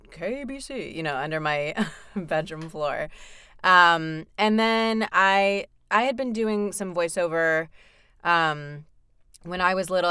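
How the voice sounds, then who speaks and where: Brief: young American woman, voice actor guest, low and very clear voice, relaxed, laughing, dry recording. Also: no room sound. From United States. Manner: chatty, laughs often, many ums. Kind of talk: casual interview chat.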